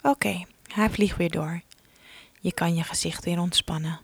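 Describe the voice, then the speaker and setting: Slow gentle lady doing a kids relaxation exercise, soft whispery bits, dry close sound. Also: lowish voice, steady tone, gravelly, husky, no room sound. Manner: slow, soothing instructions, often dropping to a soft whisper. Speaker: relaxation guide for children.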